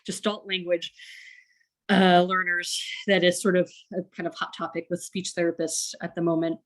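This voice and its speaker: Woman speech therapist, relaxed webinar talk, slightly low voice, fillers and little laughs. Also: moderate pace. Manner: casual, chatty, many fillers and small laughs. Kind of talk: recorded webinar presentation for parents.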